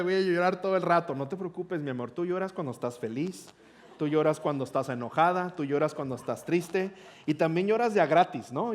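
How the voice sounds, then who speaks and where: A middle-aged man, a pastor telling a personal story in a conversational sermon and acting out the dialogue. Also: a little high. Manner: conversational, animated retelling with quoted dialogue.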